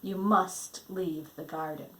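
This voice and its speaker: A woman reading a storybook, voicing a stern, commanding God in a measured manner. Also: fairly low pitch, fairly even intonation, a bit bright, echoey room, rough recording.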